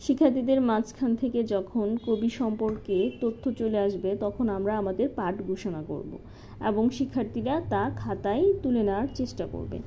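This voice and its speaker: Woman, instructor, methodical lesson-plan explanation, warm low tone, faint background hiss. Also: normal speed. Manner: methodical, step-by-step with occasional fillers. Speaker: teacher-training instructor. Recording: slightly dull lo-fi recording with faint noise.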